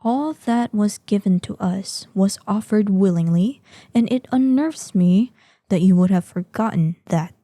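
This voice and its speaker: A woman lightly acts the part of an ancient female dragon in human form, proud and imperious, in a scripted fantasy audio drama monologue, her tone haughty and indignant. Slow, measured weight marks every formal, archaic phrase, spoken in a very dark, soft-edged voice of medium pitch. It's recorded close and dry, with no room sound.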